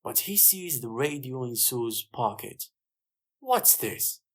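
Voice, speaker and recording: A narrator reads an easy story for English learners, keeping each short sentence clear. The pace is slow and the pitch moves in a lively, expressive way.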